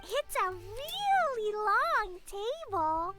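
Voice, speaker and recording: A woman voicing a tiny, innocent, curious girl in a video game, squeaky and full of questions. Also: sing-song, extremely slow, full character voice. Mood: confused, curious.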